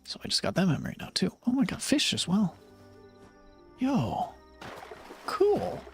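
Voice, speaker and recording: A young man chatting through his gameplay in a goofy, joking way, his pitch swooping up and down as he reacts. Faint game music plays under his voice. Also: huge pitch swings, measured pace, gravelly. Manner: playful, jokey, talks to creatures in game. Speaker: streamer. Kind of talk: casual gameplay commentary.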